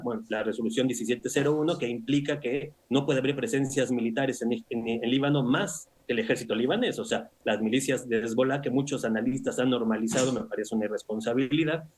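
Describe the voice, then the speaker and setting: A man speaking as an analyst guest in a news interview, measured and analytical, often tagging his points with rhetorical questions. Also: mid-range voice, a little mellow. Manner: measured, analytical, with frequent "o sea" and "¿no?".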